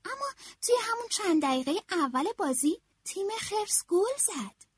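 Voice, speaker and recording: A woman reads a children's storybook aloud with a high, animated voice. Her pitch moves a lot as she brings the scenes to life. The recording is close and dry, with no room sound. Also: no echo. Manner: expressive, animated read-aloud. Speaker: narrator.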